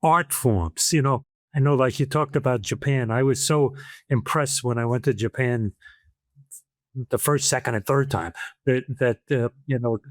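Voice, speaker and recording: An older man hosts an interview podcast, his mid-range voice moving at a normal pace with no room sound. He chats casually, telling rambling stories and often restarting his sentences.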